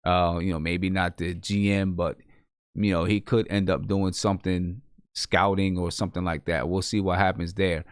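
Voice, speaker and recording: A man's voice: low voice, little pitch movement, moderate pace, clear, resonant tone, no echo, studio quality. A man hosting a sports talk show, chatting casually and asking his guests for their takes. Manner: conversational, restarts sentences, asks guests for their takes.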